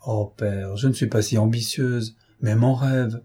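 A man voicing a gentle, loving young daughter who speaks in a soft, earnest way. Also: fairly low pitch, fairly even intonation, unhurried, breathy edge. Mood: tender.

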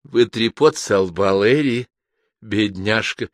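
A man's voice: fairly low pitch, takes it slowly, dry recording, clean studio sound. Man voicing a young woman, teasing, mocking, raised light voice, audiobook. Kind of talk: audiobook character reading.

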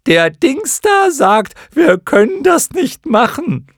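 Squeaky giddy clown moths, as a man puts them on. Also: big pitch swings, dry recording, clean studio sound, full character voice. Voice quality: high, shrill and drawn-out. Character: squeaky silly clown moths, small winged creatures.

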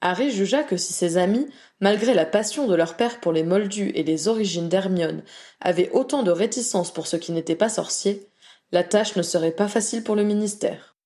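Woman narrator, reading fan fiction aloud, steady, mellow, warm tone. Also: mid-range voice, normal speed.

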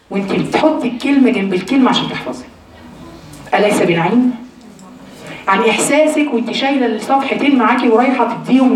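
A woman with an Egyptian accent teaching a Quran study lesson, talking quickly and emphatically and asking rhetorical questions. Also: on the high side. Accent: Egyptian Arabic. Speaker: religious teacher. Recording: echoey room, distant mic.

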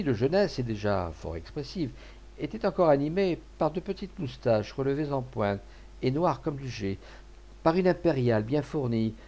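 A man narrates a classic novel in a measured, expressive audiobook reading. His voice is gravelly with a middle pitch.

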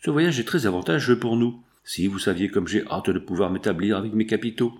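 A man reading the lines of an earnest young fiancé in an audiobook, calm and steady. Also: lowish voice, a little fast, close to an everyday voice.

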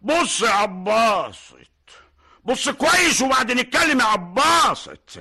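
An actor with an Egyptian accent playing a proud, touchy older hajj in a radio drama, loud and quick to take offence. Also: male voice, very high voice, very animated, creaky, husky, full character voice. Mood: offended blustering. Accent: Egyptian Arabic.

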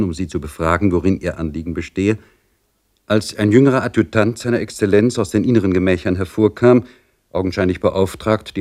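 A man reading a literary story aloud in a measured, dramatic storytelling manner. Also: low voice, darkish tone. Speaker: audiobook reader.

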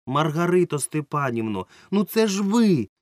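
A man's voice: a little high, big pitch swings, moderate pace, a little mellow, no echo, studio quality, voice pushed up. A man doing a flustered stammering boy. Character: timid stammering young boy. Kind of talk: audiobook character voice.

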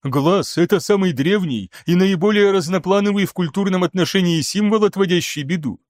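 A man voicing a calm, reserved male expedition leader who speaks quietly and in a measured way. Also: sits high, dry recording, clean studio sound, pitched above the performer's own voice, close to an everyday voice.

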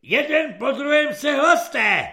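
A man voicing a young army corporal who squeals and bullies recruits with hectoring shouts. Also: very high voice, animated, voice pushed up, exaggerated voice. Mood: barking.

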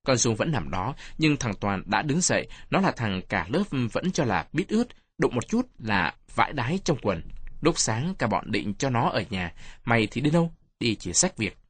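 A man reading a first-person children's story aloud in an expressive audiobook narration. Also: medium pitch, moderate pace, slightly rough, no room sound. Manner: expressive reading with changing voices.

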